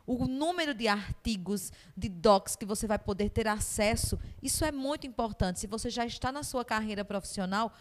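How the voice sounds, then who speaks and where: A woman's voice: a little high, moderate pace, few pauses. A woman interviewer, agreeing with her guest and adding her own comments. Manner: agreeable, adds comments and asks follow-ups. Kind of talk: conversational interview.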